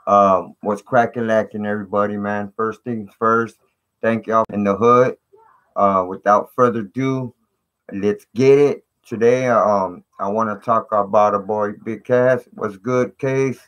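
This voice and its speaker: Male live-streamer, lowish voice, slangy and informal, greeting his chat over fuzzy, distorted computer audio. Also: fairly even intonation, unhurried, a bit bright, clear, resonant tone. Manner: slangy, repeats "man" and "you know".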